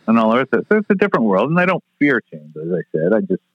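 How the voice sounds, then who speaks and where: A man's voice: on the low side, wildly swooping pitch, racing, no room sound. A man in his sixties, a retired stage manager, telling stories in a brash, profane way. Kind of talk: casual storytelling interview. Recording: tinny phone-like line, dry.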